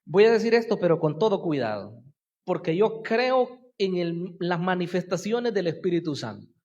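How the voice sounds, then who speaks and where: High-voiced pastor preaching in a reverberant hall. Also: male voice, very animated, normal speed, darkish tone, dull audio. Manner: earnest, asks the congregation rhetorical questions. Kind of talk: sermon.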